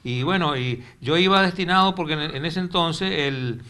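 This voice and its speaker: Interviewed casually in a local cable TV studio, an older man who taught in northeastern Argentina reminisces about his career with a Corrientes accent. His voice sits on the high side, pushed and bright, at a moderate pace, and he wanders, repeating words while he looks for them.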